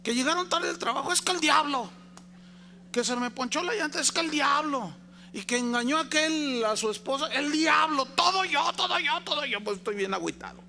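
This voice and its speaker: A man's voice: extremely high pitch, expressive, brisk, gravelly, pushed and bright, a little hiss or hum, pitched above the performer's own voice, heavily acted. A man playing a whiny, self-pitying Mexican devil. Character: sulking, fed-up male devil blamed for everything.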